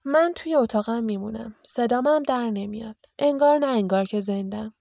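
A bored, put-upon boy answers in a flat, resigned way, as a woman reading the story puts him on. Nothing is pushed; he sounds weary of it all. Dry, close audiobook sound. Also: fairly high pitch, dry recording. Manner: bored, listless.

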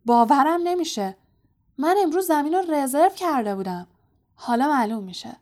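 A woman voicing an angry teenage male team captain who shouts quick, bossy orders in an audiobook. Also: high-pitched, lively intonation, voice pushed up. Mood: furious.

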